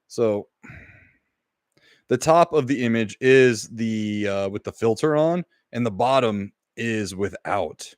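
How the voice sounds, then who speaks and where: A man's voice: lowish voice, expressive, takes it slowly, clear, resonant tone, no echo. Man, podcast co-host, casual rambling chat, reads chat aloud, dry close sound.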